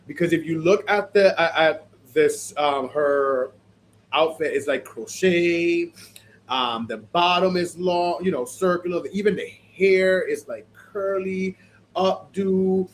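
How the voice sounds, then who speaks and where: A man with a fairly high voice takes it slowly as he hosts a casual podcast chat reviewing fashion looks. He's chatty and animated, using many fillers, and sounds stuffy and sniffly from allergies. The recording is low quality with slight background noise.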